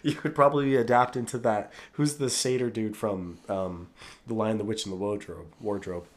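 A man's voice: lowish voice, fairly even intonation, moderate pace. A man hosting a casual chat, laid-back and playful, laughing often. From Utah. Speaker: podcast host.

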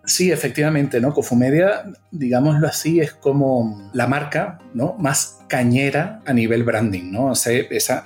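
A man's voice: mid-range voice, darkish tone. Enthusiastic man with Venezuelan-Canarian accent. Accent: mixed Venezuelan and Canarian Spanish. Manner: enthusiastic, frequent tag questions. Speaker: guest, agency founder. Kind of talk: casual interview.

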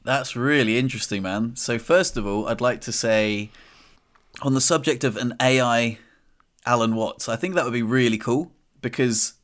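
A man co-hosting a podcast, chatting casually and telling lively stories full of acted-out quotes. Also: medium pitch, normal speed. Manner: animated storyteller who acts out quotes. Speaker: podcast co-host. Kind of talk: casual chat.

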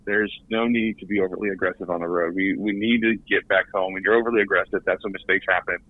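Over a tinny phone line without echo, a podcast guest who works as a recruiting director talks at a quick pace in a deep voice with fairly even intonation. His manner is earnest, and he frequently repeats words when restarting his sentences.

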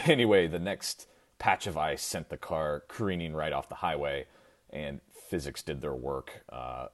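Very deep-voiced man telling a story. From US Midwest. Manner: wry, chuckles at his own story. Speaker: podcast storyteller. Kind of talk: told personal story.

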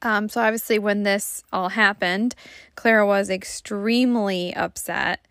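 Chatty Michigan woman with vocal fry. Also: mid-range voice, fairly even intonation, measured pace, a bit bright, no room sound, studio quality. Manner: chatty, lots of fillers and laughs. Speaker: podcast co-host. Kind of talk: casual storytelling chat.

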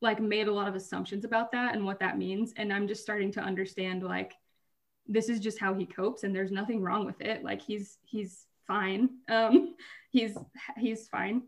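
With a flat delivery in a mid-range voice, this podcast co-host speaks at a moderate pace. She rambles in a relaxed way, frequently cutting herself off and laughing through painful stories.

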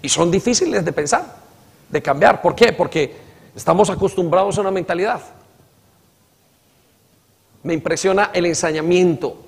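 A man with a high voice preaches a sermon in a church hall, and the sound rings with long reverb. He acts out the quoted dialogue with emphasis and has the congregation repeat lines after him. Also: moderate pace, creaky, long pauses, slightly rough. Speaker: pastor.

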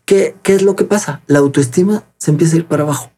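A man talks as an interview guest, earnest and patient. His voice sits a touch high, with a mellow, husky tone. He explains step by step and acts out bits of dialogue along the way. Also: quick pace. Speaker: guest expert on child protection.

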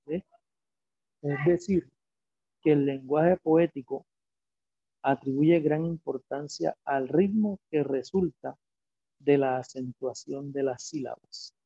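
A man teaching a lecture, speaking slowly and deliberately and asking himself rhetorical questions as he explains. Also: fairly high pitch, creaky, mellow, breathy edge, no room sound. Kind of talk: lecture on biblical poetry. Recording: dull lo-fi recording.

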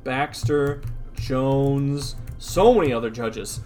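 A man's voice: medium pitch, slow pace, a little mellow, soft background music. A man co-hosting a podcast, casually recapping and narrating a comic. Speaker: podcast co-host.

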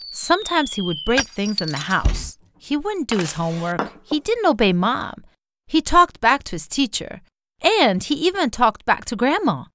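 A woman's voice: on the high side, fairly bright tone, no room sound, studio quality. A woman narrating a scripted first-person story, acting out the quoted lines.

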